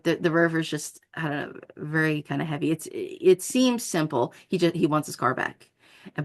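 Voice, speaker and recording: Woman, low voice, podcast host, rambling casual film chat, frequent laughter. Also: vocal fry. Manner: rambling, laughs often, acts out her reactions.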